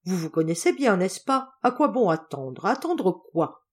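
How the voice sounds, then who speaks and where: A woman's voice: medium pitch, big pitch swings, unhurried, darkish tone, slightly rough. A woman reading an audiobook, voicing an old general who is a loving, blustering grandfather, in a raised, hearty voice. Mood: impatient.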